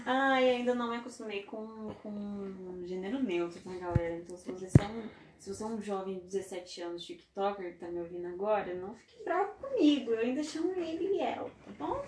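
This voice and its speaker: A woman's voice: mid-range voice, fairly quick, few pauses, roomy sound, noisy background. A woman co-hosting a casual chat, talking in a joking, chatty way with lots of filler tags. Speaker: podcast co-host.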